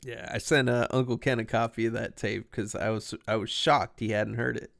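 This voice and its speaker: A man's voice: mid-range voice, steady tone, normal speed, gravelly, a bit bright, no echo, studio quality. A young adult man chatting casually as a podcast guest, laid-back and laughing easily.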